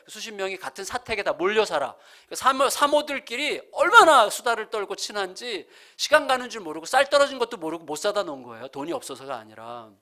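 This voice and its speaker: A male pastor in his fifties preaching a sermon, telling funny family stories and acting out the dialogue. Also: high voice. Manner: humorous, animated storytelling with acted-out dialogue. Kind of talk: sermon with storytelling. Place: church sanctuary.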